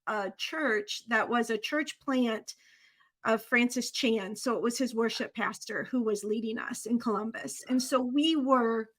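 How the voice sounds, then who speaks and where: Woman, bright tone, earnest, heartfelt, casual podcast talk. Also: a little high, measured pace.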